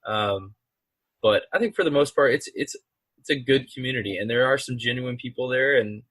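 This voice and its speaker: A man's voice: mid-range voice, moderate pace, a bit bright, dry recording. A man co-hosting a podcast, chatting casually and rambling with frequent restarts and fillers. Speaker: podcast co-host. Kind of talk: casual chat.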